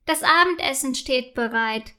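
A woman's voice: high voice, a little slow, bright, forceful tone. A woman voicing a stern but fair mother who scolds with exasperation.

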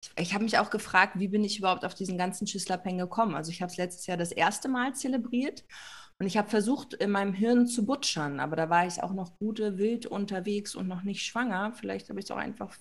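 A woman's voice: medium pitch, fairly quick. A pregnant woman hosting a podcast, talking casually and rambling, with lots of fillers and colloquial asides. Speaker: podcast host. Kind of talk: casual chat.

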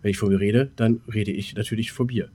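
On a podcast he co-hosts, a man with a lowish, mellow voice speaks briskly with fairly even intonation. His casual talk runs to rambling anecdotes, and he often hesitates while groping for words.

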